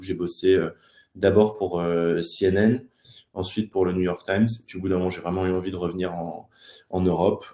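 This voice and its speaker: A man's voice: low voice, mellow. A man in his thirties from France, the guest of an online talk show, speaking casually with many hesitations. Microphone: video call. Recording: echoey room.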